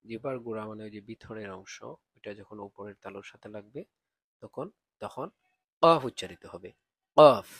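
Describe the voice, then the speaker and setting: A man teaching Quran reading, explaining where each Arabic letter is sounded and drilling it aloud, often louder on the repeats. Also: fairly low pitch, husky, no echo. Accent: Bangladeshi Bengali. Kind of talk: slow pronunciation lesson.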